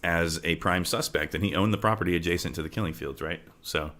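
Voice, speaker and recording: A true-crime podcast co-host talks casually and loosely from a home with farm animals nearby, often tossing in "right?" and sometimes trailing off into laughter. His voice is deep, fast and a bit bright.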